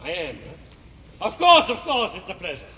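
A man singing and acting a boastful, excitable middle-aged pig farmer in an operetta. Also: high-pitched, moderate pace, a little hiss or hum, full character voice. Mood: flustered. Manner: blustering, excitable and fussy. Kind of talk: operetta singing and comic dialogue. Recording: old echoey stage recording with orchestra.

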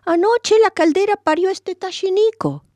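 A woman's voice: very high voice, moderate pace, a little mellow, no echo, voice pushed up. A woman voicing a sly male trickster who answers in a playful, mock-innocent tone in a told folk tale.

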